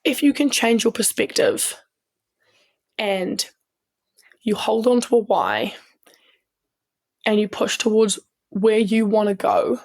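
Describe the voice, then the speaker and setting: A woman's voice: medium pitch, slow, pauses often. A woman with a New Zealand accent, telling stories as a guest in an easygoing interview, earnest and full of restarts. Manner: earnest, with frequent restarts and ums. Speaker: guest, strength coach and sports medic. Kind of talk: casual interview storytelling.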